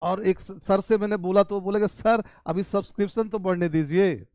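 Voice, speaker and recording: A man from India, an English teacher giving a chatty spoken-English lesson in Hindi, teasing his students and drawing out model sentences slowly, with a Hindi-accented English. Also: high-pitched, fairly even intonation, a little mellow, no room sound.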